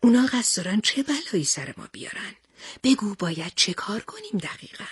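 Brief: plain-spoken strongman, read by a woman, husky tone. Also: mid-range voice, very animated, no echo, clean studio sound. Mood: blunt. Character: male strongman hero in cotton clothes, blunt.

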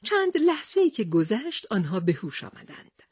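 Breathy woman reading a storybook. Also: on the high side, no room sound, studio quality. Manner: expressive read-aloud. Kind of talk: storybook narration.

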